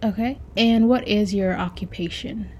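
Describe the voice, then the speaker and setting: A woman conducting an oral history interview, asking polite, measured questions with a few fillers. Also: mid-range voice, warm tone, breathy edge, highs cut off.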